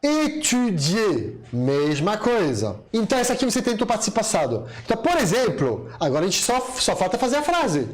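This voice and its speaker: A native French-speaking man teaching a French grammar lesson, lively and drilling pronunciation with his learners. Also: sits high, fairly quick, few pauses. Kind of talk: online language lesson.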